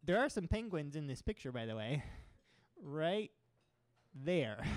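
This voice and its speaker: A man's voice: fairly high pitch, very animated, slow, no echo. A young man from Oregon giving an enthusiastic talk with slides to a seated audience in a small crowded room, speaking into a handheld microphone. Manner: enthusiastic, gestures with his free hand while talking. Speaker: guest speaker.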